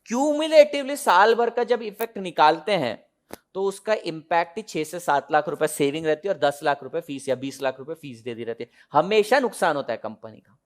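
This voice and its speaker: A young man teaching a class in a chatty, animated way, his voice sitting a little high. He keeps asking his students questions and slips English terms into his explanations. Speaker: commerce exam tutor. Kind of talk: classroom lecture.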